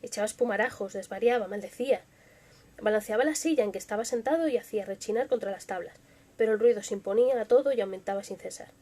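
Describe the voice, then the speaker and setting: A young woman with a Spanish accent from Spain, hosting a live stream and reading stories in a soft, expressive voice that sometimes drops to a whisper. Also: medium pitch, fast. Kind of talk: dramatic story reading with casual chat.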